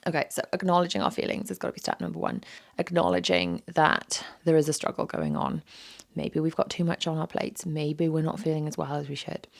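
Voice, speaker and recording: This woman in her thirties hosts a reflective solo podcast, speaking animatedly and fairly quickly. Her low voice is gravelly, roughened by a sore throat, and her manner is frank and a bit self-mocking, with phrases repeated for emphasis. There's no room echo; the sound is close and dry.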